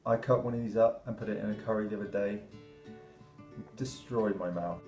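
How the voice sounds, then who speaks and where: A man's voice: on the low side, a little fast, a little mellow. A young adult man talking casually to camera as a YouTuber, recorded in a small room at arm's length. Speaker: YouTuber doing a challenge. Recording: roomy echo, music behind.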